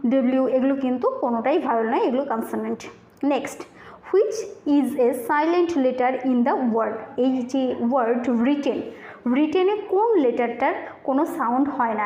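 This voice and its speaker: A woman's voice: high-pitched, darkish tone, dull audio. A woman teacher going through exam multiple-choice questions step by step, asking questions and then answering them herself. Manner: explains step by step, asks and answers her own questions. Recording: echoey room.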